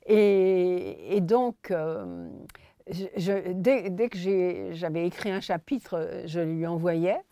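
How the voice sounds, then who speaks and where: A woman's voice: lowish voice, slow pace, no echo, dull audio. A woman, filmmaker and writer, telling anecdotes as an interview guest and acting out the dialogue. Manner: animated storyteller who acts out dialogue. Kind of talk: anecdotal storytelling in a conversation.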